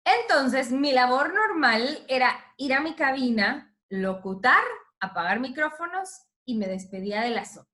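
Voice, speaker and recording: A woman, a radio announcer telling an expressive story in a talk to teachers. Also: sits high, a little slow. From Guatemala.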